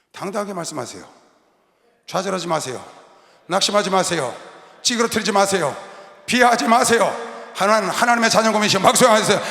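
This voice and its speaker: A man preaching a sermon as pastor, shouting and leading the congregation in call-and-response. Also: sits high, creaky. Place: large arena hall. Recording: roomy long-reverb arena sound.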